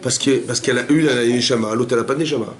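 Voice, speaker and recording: A man, a rabbi, giving a Torah class in a family home, animated and asking his listeners rhetorical questions. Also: medium pitch, rapid-fire.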